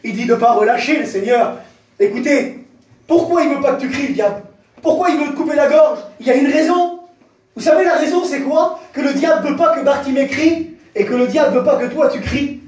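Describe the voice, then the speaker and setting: A man preaching a fervent sermon to a congregation, speaking directly to them and rising into shouts. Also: very high-pitched, brisk. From France. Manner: impassioned, rises to shouts, addresses the crowd directly. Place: church. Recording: very echoey church hall, heard from a distance.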